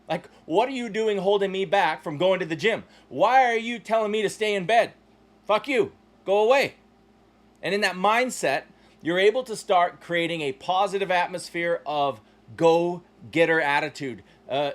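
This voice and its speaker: A man in his forties hosts a motivational podcast monologue, his voice slightly higher than most men's. Blunt and freely profane, he hammers some phrases in loud, emphatic bursts and sinks others into low asides.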